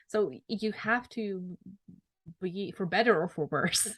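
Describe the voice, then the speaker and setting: A woman's voice: medium pitch, measured pace, fairly bright tone, slightly rough, dry recording. A woman hosting a podcast interview, affirming her guest with frequent fillers. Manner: affirming, many fillers like "like" and "mm-hmm". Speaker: podcast host. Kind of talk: casual interview chat.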